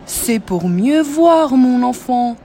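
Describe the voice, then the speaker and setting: A woman reading a storybook aloud, voicing a hungry scheming male wolf with a loud, drawn-out delivery. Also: on the high side, animated, slight background noise. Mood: menacing.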